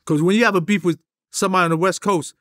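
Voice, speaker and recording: A middle-aged New York interview guest delivers animated street stories rapid-fire in a high-pitched, fairly bright voice with fairly even intonation. Streetwise and emphatic, he uses heavy slang and gestures while talking in an indoor studio with a drum kit.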